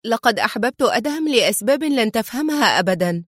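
A woman's voice: on the high side, lively intonation, quick pace, fairly bright tone, no echo, clean studio sound. A woman playing a fiery, indignant young woman. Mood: passionate. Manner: indignant, exclaiming. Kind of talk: audiobook character reading.

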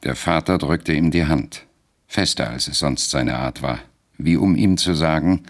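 A man narrating a radio drama in a measured, deliberate storytelling manner. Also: extremely low pitch.

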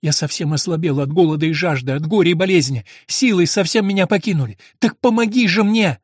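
A man's voice: fairly high pitch, fairly quick, darkish tone, breathy edge, no echo, studio quality. A man voicing a starving, chained woman prisoner who pleads in breathless exclamations. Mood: ecstatic.

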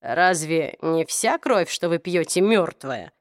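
A woman voicing a young male warrior with an even, faintly mocking tone. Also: low voice, takes it slowly, dry recording, clean studio sound, voice pushed down. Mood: dry, mocking.

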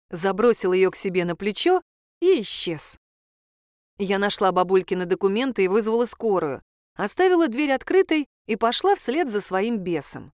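A woman reading a first-person story aloud in an even narrating manner. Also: medium pitch, clean tone, no echo, clean studio sound. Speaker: audiobook reader.

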